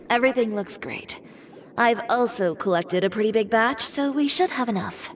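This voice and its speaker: A woman's voice: fairly high pitch, animated, normal speed, a little hiss or hum, natural voice. A woman voicing Chiori, a cool, proud designer. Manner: composed, dry, firm and self-assured. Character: proud, determined young woman fashion designer. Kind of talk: video game voice acting. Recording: game music behind.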